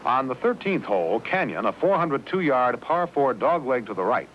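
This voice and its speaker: A male announcer reads scripted golf narration with a very lively, varied pitch. His voice is mid-range. The old TV soundtrack is dull, with faint noise. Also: normal speed.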